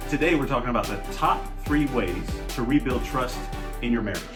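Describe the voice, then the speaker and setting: An earnest man co-hosting a relationship show, talking in an easy, encouraging way at a middle pitch. Music plays clearly behind his voice. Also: animated, fairly quick. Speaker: marriage channel co-host. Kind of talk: casual chat.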